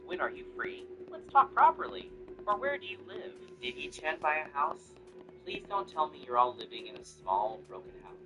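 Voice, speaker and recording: A man's voice: a little high, very animated, moderate pace, music in the background, voice pushed up, low-quality recording. A man reading the part of a young woman's nosy, teasing best friend in a narrated story. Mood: curious.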